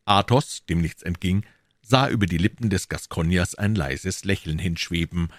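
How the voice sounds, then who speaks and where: A man reading a classic adventure novel aloud in a measured, expressive manner. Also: deep voice, no room sound, clean studio sound. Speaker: audiobook reader. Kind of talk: storybook reading.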